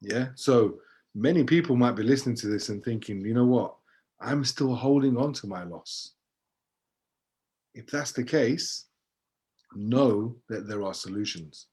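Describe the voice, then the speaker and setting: A man's voice: medium pitch, unhurried, long pauses, warm tone. Emphatic man coaching. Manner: emphatic, rhetorical, motivational. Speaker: interviewer and coach. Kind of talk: conversational interview.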